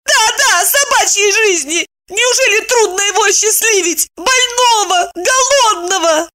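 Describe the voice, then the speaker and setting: A woman voicing a tearful, shrill middle-aged wife in a storybook reading, squealing and wailing as she pleads for a stray dog. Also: a little slow, fairly bright tone. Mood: sobbing. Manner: wailing and sobbing, high-pitched squeals.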